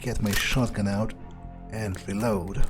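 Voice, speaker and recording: This in-character gamer speaks slowly in a lowish voice with little variation in intonation. Over the game music, he comments on his play in a dry, sardonic way, thinking out loud.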